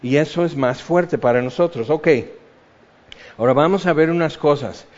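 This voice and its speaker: Pastor guy preaching, lively, acts out little voices, kinda muffled lo-fi audio. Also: on the high side, normal speed. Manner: animated, acts out quoted voices. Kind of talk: sermon.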